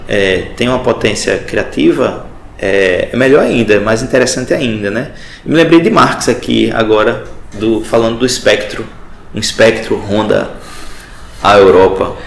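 Man, Recife accent, radio interview guest, thoughtful and halting, with a gravelly voice in an echoey room. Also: mid-range voice, slight background noise. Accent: Recife, Brazil. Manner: thoughtful, searching for words, with restarts. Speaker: guest, journalist and professor. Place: community radio studio.

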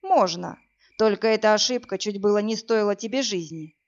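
A woman reading an audiobook, voicing a calm, protective man who talks in a steady, reassuring way. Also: mid-range voice, normal speed, muffled recording, lightly acted. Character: calm protective man, tough bodyguard type.

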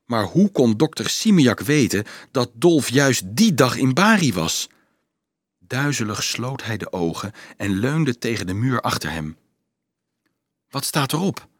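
A man narrating a novel as an audiobook, in an expressive, measured storytelling manner. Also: medium pitch, no room sound, clean studio sound.

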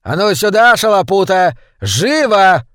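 A man's voice: fairly high pitch, lively intonation, unhurried, dry recording, studio quality. Man playing a barking, sneering bully of a master. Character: cruel bullying short man, a rat's master.

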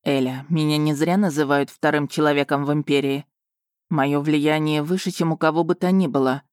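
A woman voicing a smug, teasing young male duke in an audiobook, speaking in a lowered, self-assured drawl. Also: fairly even intonation, normal speed, a little mellow, no echo, clean studio sound, lightly acted. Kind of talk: audiobook character voice.

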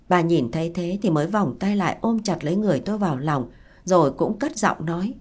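A woman narrating a first-person family story in a steady, soft-spoken reading voice. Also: lowish voice, breathy edge.

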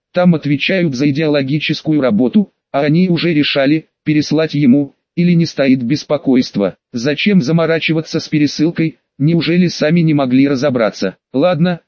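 A man reading an audiobook in an even storytelling manner, voicing the dialogue lightly. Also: on the high side, no room sound, highs cut off. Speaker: audiobook narrator. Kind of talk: scripted audiobook narration.

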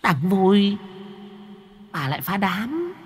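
A man voicing a mischievous female ghost in a purple dress, shrill and teasing. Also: very animated, slow, husky, big-room sound, exaggerated voice.

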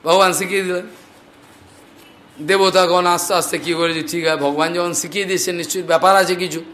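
High-voiced man telling a devotional story. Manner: lively storytelling, chants scripture slowly. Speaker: preacher.

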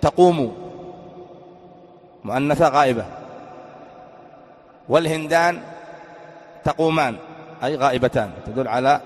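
A man's voice: medium pitch, normal speed, pauses often. A man from Yemen giving an Arabic grammar lesson, quizzing his students and repeating key words as he teaches. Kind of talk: classroom lecture with questions to students. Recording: long reverberant hall.

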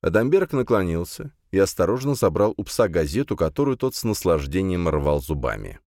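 Lower-voiced male narrator, lively reading. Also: no echo, clean studio sound. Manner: measured, clear reading. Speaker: audiobook narrator. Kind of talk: scripted narration.

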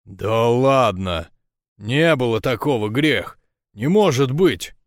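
A man's voice: medium pitch, expressive, no echo, clean studio sound. A man reading an audiobook, voicing a nervous, defensive male henchman who talks in a hurry. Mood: flustered. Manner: hurried, defensive, stammering. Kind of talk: audiobook dialogue.

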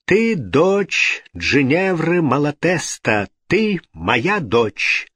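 A man's voice: medium pitch, lively intonation, extremely slow, no echo, voice pushed up. A man voicing an insistent old man who fiercely claims a girl as his daughter. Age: older. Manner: insistent, swearing oaths. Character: old man, stubborn, fervent father.

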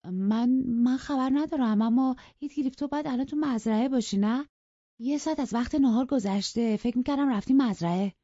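A woman voicing a proud, petulant young woman who speaks high and exasperated, scolding, in a dull lo-fi audiobook recording. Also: animated, dark tone, dry recording, natural voice. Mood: flustered.

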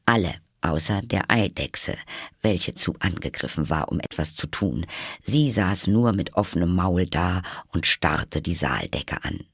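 Deep, slow, expressive male storyteller. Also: husky, no echo, clean studio sound. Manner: expressive, measured. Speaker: narrator. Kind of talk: storybook reading aloud.

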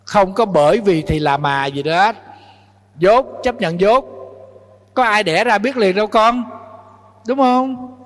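High-voiced monk preaching in echoing hall. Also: male voice, measured pace, long pauses. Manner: scolding, preacher-like, full of rhetorical questions. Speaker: Buddhist monk teacher. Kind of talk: dharma talk to young followers.

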